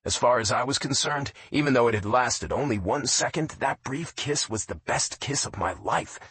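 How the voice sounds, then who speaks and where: A man narrating a romance audiobook in a low, intimate first-person reading. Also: animated, normal speed, a bit bright, slightly rough.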